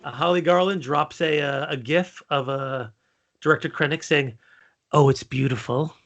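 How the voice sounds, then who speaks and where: A man co-hosting a casual fan podcast, talking in a loose, halting way with lots of fillers. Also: a little high, fairly bright tone. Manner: laid-back, halting, many fillers. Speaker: podcast co-host. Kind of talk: casual chat.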